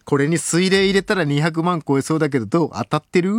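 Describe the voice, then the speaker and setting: A middle-aged man hosts a late-night radio show on a close studio mic, talking quickly and excitably as he swings from loud exclamations to low, muttered asides. The recording is dry.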